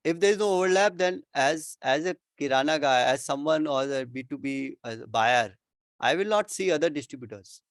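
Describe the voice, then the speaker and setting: A man's voice: fairly high pitch, expressive, moderate pace, no echo. A man with an Indian accent explaining things informally as an expert answering questions, often repeating himself and checking with "right?". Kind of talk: informal explanatory Q&A with worked examples.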